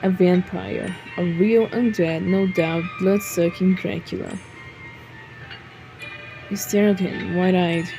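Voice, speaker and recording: A woman's voice: on the low side, steady tone, takes it slowly, gravelly, pauses often, poor audio. A woman reading a visual novel aloud, breaking off with joking asides. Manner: reads narration, breaks off to joke and laugh. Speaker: game streamer. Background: game music.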